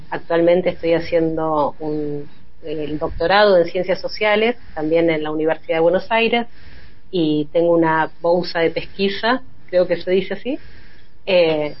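A woman's voice: on the low side, highs cut off. A woman from Argentina with an Argentine Spanish accent, a native Spanish speaker, introducing herself as a guest on a talk programme. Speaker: guest sociologist and activist.

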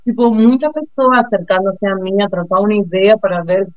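A woman telling a personal story in a casual, expressive way, acting out the people she quotes. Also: medium pitch, brisk, dry recording. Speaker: guest telling of a bicycle trip. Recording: muffled lo-fi dry sound.

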